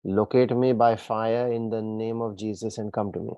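A man's voice: on the low side, flat delivery, normal speed, warm tone, clean tone, no room sound, dull audio. A man leading a fiery deliverance prayer, issuing commanding declarations in bursts. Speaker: prayer leader.

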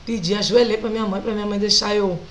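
A Brazilian woman singer with a Brazilian Portuguese accent, animated and laughing often as she tells stories as a guest in a casual interview. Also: mid-range voice, fast, slight background noise, rough recording.

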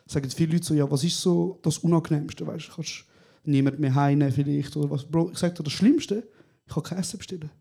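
A young man with a Swiss German accent tells stories with animated energy at a live podcast recording. His voice sits fairly high and sounds mellow and a little husky. He drops 'Bro' into almost every sentence. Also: fast. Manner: animated storyteller, says 'Bro' often. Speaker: podcast co-host. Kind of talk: casual chat recorded live. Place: small venue, live recording.

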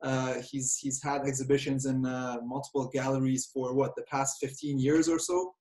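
A man's voice: mid-range voice, completely flat delivery, normal speed, darkish tone. A man hosting an interview, chatting casually and stumbling as he starts his sentences. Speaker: interview host.

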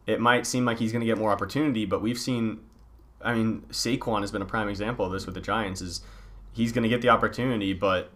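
A man hosts a sports podcast in top ten countdown style. His voice is fairly low and bright, with a forceful edge. He announces each ranking, then chats about it casually. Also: steady tone, fast talker. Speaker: podcast host.

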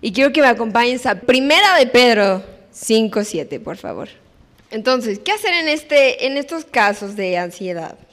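Woman preacher, unhurried expressive sermon delivery, long hall reverb. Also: on the high side. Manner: expressive, acts out voices in her stories.

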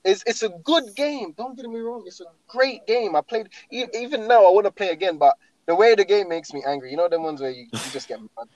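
A man's voice: sits high, fairly quick, a little mellow, highs cut off. A young man with a London roadman accent and slang, chatting casually and emphatically, often repeating his phrases. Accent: London, urban roadman slang style. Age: young adult. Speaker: guest talking through favourite games. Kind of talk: casual chat.

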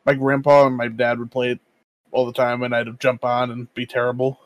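A man's voice: mid-range voice, monotone, fairly quick, no echo. A man co-hosting a podcast with friends, reminiscing in an easygoing way. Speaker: podcast co-host. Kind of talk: casual chat among friends.

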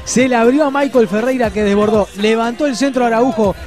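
Very high male voice, Uruguayan accent, excited goal recap, emphatic flow, light music bed. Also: brisk. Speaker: football commentator. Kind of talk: excited goal replay description.

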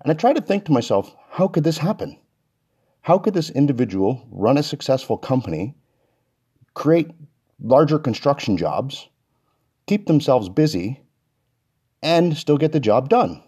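A man's voice: medium pitch, very animated, measured pace, long pauses, dark tone, husky. A man hosting a solo podcast, talking casually and earnestly, a little out of breath after a workout. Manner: earnest, reflective. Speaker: podcast host.

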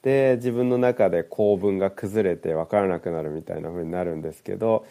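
Low gravelly guy, doctor on a podcast, thinks out loud, dark tone. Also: brisk. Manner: thoughtful, hesitant with fillers. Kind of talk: casual podcast chat.

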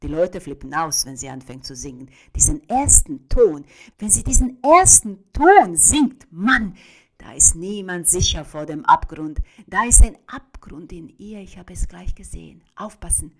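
A woman with a slightly low voice gives a dramatic literary reading of a first-person monologue. She moves between breathy whispers and sudden loud, forceful outbursts. Her phrasing is rhythmic and beats like a drum. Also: sing-song, measured pace.

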